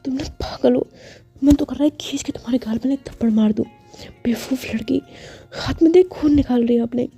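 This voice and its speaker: A woman's voice: fairly high pitch, fairly even intonation, a little fast, warm tone, husky, soft background music. A woman voicing an anxious, protective young woman who pleads and scolds in a storybook tale. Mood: scolding.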